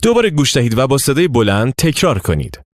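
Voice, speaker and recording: A man narrating a language lesson, giving clear step-by-step instructions. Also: medium pitch, big pitch swings, no echo, studio quality. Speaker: language teacher.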